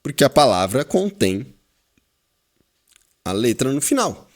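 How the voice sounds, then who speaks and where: Slow, lively-voiced Brazilian male teacher. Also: medium pitch. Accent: Brazilian Portuguese. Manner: explains slowly, repeats words, quizzes the class. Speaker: Hebrew teacher. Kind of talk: classroom lesson.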